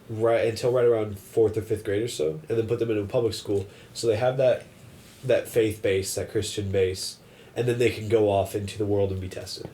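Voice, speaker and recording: A man's voice: lowish voice, warm tone. An eighteen-year-old man co-hosting a podcast, easygoing and jokey in casual chat. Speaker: podcast co-host. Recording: mic at a distance.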